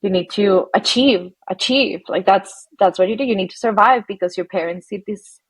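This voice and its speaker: Husky-voiced woman from Colombia. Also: mid-range voice, low-quality recording. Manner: reflective, halting, laughs softly between phrases. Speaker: guest, psychologist. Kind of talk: casual interview conversation.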